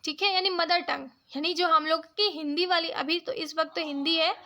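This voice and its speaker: Woman tutor, very high, gravelly voice; patient step-by-step lecture delivery. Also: steady tone, moderate pace, bright, forceful tone. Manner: explains step by step, checks in with "ठीक है?". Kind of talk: Hindi-English exam lecture.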